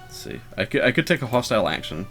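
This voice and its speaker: A man's voice: mid-range voice, sing-song, fast, a bit bright, faint music behind. A man giving casual, rambling gameplay commentary, hesitant and full of fillers, with a wry, self-deprecating manner. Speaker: let's player.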